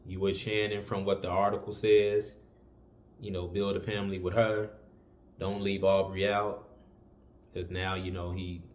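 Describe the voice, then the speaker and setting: Male host, low-pitched, lecturing viewers in a relaxed, repetitive way. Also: a little hiss or hum. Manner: preachy, conversational, repeats warnings with many fillers. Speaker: commentary channel host. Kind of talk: casual opinion commentary.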